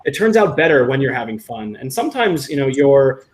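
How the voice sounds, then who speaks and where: A man's voice: mid-range voice, fairly quick. A man hosting a casual online show, telling stories and joking with guests. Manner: animated storyteller, joking. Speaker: show host. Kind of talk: casual chat.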